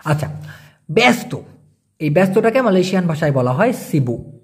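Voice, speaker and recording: A young man with a high, light voice gives a casual language lesson. He explains each word patiently and repeats it slowly, checking in with his listener as he goes. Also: sing-song, breathy edge. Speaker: language teacher.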